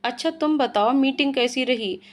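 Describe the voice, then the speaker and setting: A woman voicing a brisk, matter-of-fact male office boss in a storybook tale. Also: high-pitched, close to an everyday voice. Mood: businesslike. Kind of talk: storybook narration.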